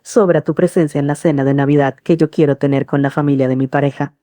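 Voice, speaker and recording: A woman's voice: low-pitched, steady tone, fast talker, mellow, no echo, clean studio sound, natural voice. Woman reading a cold scornful young daughter. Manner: cutting and contemptuous.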